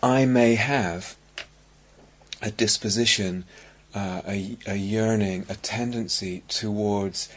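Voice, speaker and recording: A middle-aged man with an English accent giving a dharma talk as a meditation teacher, speaking in a reflective, halting way with many restarts. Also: on the low side, fairly even intonation. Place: meditation hall at a retreat centre.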